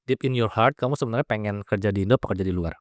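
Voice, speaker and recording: A man's voice: fairly low pitch, very fast, no room sound, clean studio sound. A young man hosting a casual podcast interview, asking playful, teasing questions and mixing in English phrases. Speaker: podcast host.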